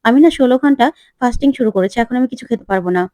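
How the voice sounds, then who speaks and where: A woman voicing a calm, protective young woman in a retold TV serial, giving soothing but firm advice. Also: a little high, very fast, no room sound, close to an everyday voice. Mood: reassuring.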